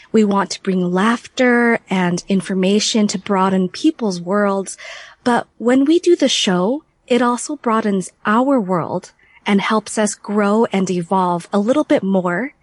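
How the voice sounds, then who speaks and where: A woman who is a podcast co-host on as a guest, speaking in a measured, earnest way about her show. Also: mid-range voice, husky, dry recording. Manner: earnest, measured, explains the show's mission.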